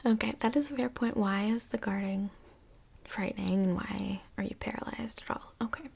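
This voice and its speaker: In a gentle, measured ASMR role play, a woman voices a calm couples' counsellor, speaking softly and breathily, mostly in a whisper. Her pitch is medium, and she comes across as patient and reassuring.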